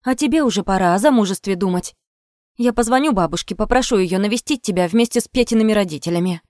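A woman reader voicing a brisk middle-aged businesswoman mother who scolds and brushes off her daughter. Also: medium pitch, a little mellow, no echo, studio quality, close to an everyday voice. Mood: dismissive.

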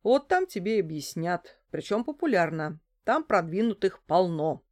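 A male police investigator speaks in a stern, officious way, with a mocking edge and a loud delivery, as a female narrator voices him. His tone is curt and sure of itself. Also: on the low side, sing-song, normal speed. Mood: brusque.

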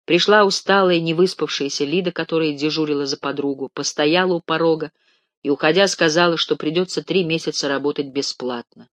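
Guy reading a story aloud, fairly high voice, dry close sound. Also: fairly quick, fairly bright tone, dry recording. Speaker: narrator. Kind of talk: audiobook reading.

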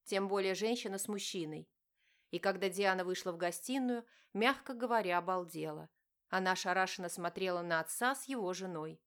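A woman narrating an audiobook with an even, measured reading. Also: on the low side. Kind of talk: scripted narration.

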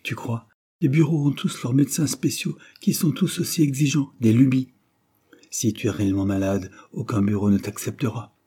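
Fretful mom, pleading and insistent, voice pushed up higher, a guy putting her on. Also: normal speed, dark tone, breathy edge, lightly acted. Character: anxious devoted wife and mother.

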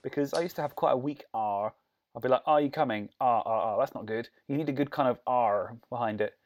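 A man's voice: medium pitch, quick pace. A man with a Bristol-tinged English accent, hosting a podcast in a casual, jokey, rambling way. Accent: English, Bristol-influenced. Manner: jokey, digressive. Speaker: podcast host. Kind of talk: casual chat.

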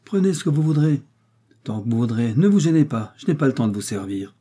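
A man reading aloud and voicing an excitable, portly middle-aged pharmacist who speaks in effusive exclamations. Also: medium pitch, fairly quick, slightly rough, voice pushed up. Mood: elated.

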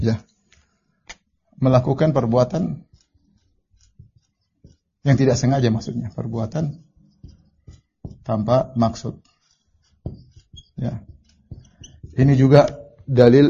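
A middle-aged man preaching a religious study lecture, reciting Arabic and explaining it, with animated storytelling and acted-out quotes. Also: medium pitch, slightly rough. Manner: animated storytelling, acts out quoted lines in raised voice. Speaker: Islamic preacher teaching a book. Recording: dull lo-fi lecture recording.

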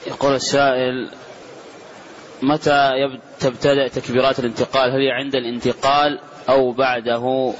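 A man's voice: medium pitch, level tone, brisk. A man reading out listeners' questions to a scholar in a plain, formulaic way. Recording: dull lo-fi recording with faint noise.

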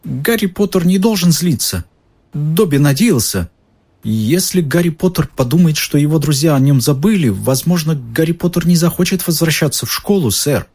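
A man voicing a timid, anxious male house-elf who pleads and keeps saying sir, with a husky voice. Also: fairly high pitch, animated, normal speed, darkish tone, pitched above the performer's own voice. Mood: pleading. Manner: pleading, calls the listener sir.

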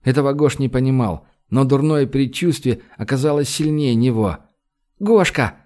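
A man reading a novel aloud as narrator, in a steady, measured manner. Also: mid-range voice. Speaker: audiobook narrator. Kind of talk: scripted narration.

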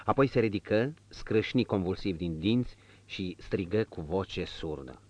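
Low-voiced man reading an audiobook. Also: no room sound. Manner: dramatic, expressive reading. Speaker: audiobook narrator. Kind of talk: scripted narration. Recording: dull dry lo-fi audio.

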